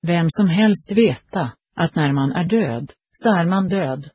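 A man's voice: on the high side, lively intonation, a little mellow, husky, dry recording, studio quality. A man voicing a big, frightened soldier who has just died, pleading and confused, in a read-aloud story. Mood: bewildered. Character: big frightened newly dead male soldier.

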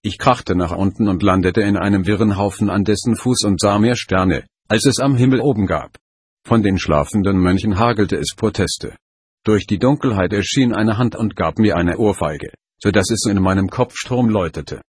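Low husky male audiobook narrator. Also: normal speed, dry recording, studio quality. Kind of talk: audiobook reading.

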